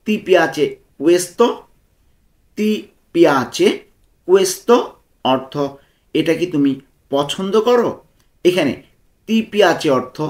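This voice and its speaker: A man with a Bangladeshi accent teaching a language lesson, repeating example phrases slowly and deliberately. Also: a little high, darkish tone. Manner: slow, deliberate spelling-out of foreign phrases, rising on the examples.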